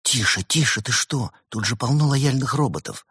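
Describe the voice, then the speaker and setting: A man's voice: lowish voice, a little fast, no echo, clean studio sound, lightly acted. A man voicing a cautious, anxious female cat who speaks in a subdued, nervous way. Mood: worried. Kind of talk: audiobook reading.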